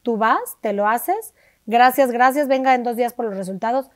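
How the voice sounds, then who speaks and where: A Mexican woman, an interview guest, telling a personal story in a lively way and acting out the voices of the people she quotes. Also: on the high side, normal speed, no room sound. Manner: animated, acts out quoted dialogue with shifting voices. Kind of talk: conversational storytelling.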